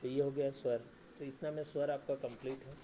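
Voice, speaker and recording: A man teaching a grammar lesson who asks questions and answers them himself, often adding "ठीक है" and "है ना", and draws out sounds slowly to show them. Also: medium pitch, little pitch movement, mellow, slight background noise.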